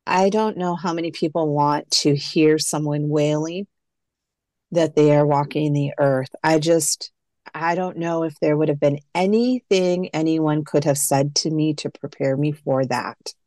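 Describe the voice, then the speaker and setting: A woman's voice: sits low, fairly even intonation, a little slow, mellow, no room sound. A woman who is an adoptee guest, reflectively telling her story in a casual interview and quoting past phone calls. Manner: reflective, retells phone calls with quoted dialogue.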